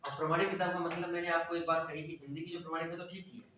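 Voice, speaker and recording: A man's voice: fairly high pitch, flat delivery, very fast, sharp tone, slight background noise. A male teacher giving a classroom lecture. He asks questions and answers them himself, and keeps checking that the class is following. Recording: echoey room, voice from far off.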